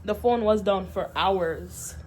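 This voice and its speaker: A woman's voice: mid-range voice, takes it slowly. Tired young woman venting in a casual vlog. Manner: animated storytelling, frequent laughs and sighs. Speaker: vlogger. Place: at home.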